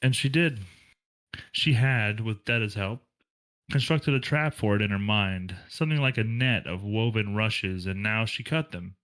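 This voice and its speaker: A man reading a novel aloud for a book club, in a plain, steady delivery with occasional slips and restarts. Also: lowish voice, measured pace, rough recording.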